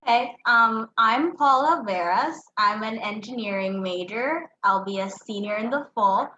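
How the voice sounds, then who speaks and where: A woman's voice: on the high side, unhurried, sharp tone, slight background noise. A woman in her early twenties, a student panelist, introducing herself plainly. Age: early 20s. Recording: echoey room, lo-fi audio.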